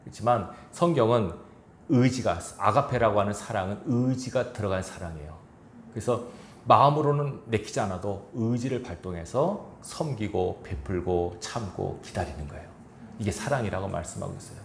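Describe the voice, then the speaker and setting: Male pastor, low gravelly voice, lively preaching, echoey church hall. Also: normal speed, a little hiss or hum. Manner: earnest, exhorting, with chuckles and quoted asides. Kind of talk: sermon. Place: church sanctuary.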